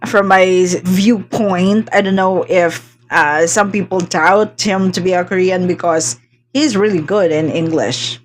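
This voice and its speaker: A woman's voice: fairly low pitch, fairly even intonation, measured pace. A woman from the Philippines chatting casually as she hosts a reaction video, with lots of fillers and laughs.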